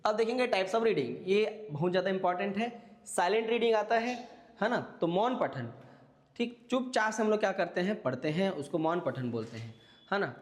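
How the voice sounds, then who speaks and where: A man's voice: high voice, animated, moderate pace, big-room sound. A man teaching an exam-prep class, explaining step by step and checking in with his listeners. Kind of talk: classroom lecture.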